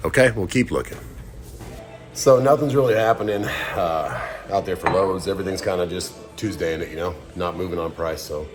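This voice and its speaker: With music playing behind him, a thirtyish owner-operator trucker vlogs from his home kitchen and car. His groggy voice sits low at a normal speed, and his talk is relaxed and rambling, full of fillers.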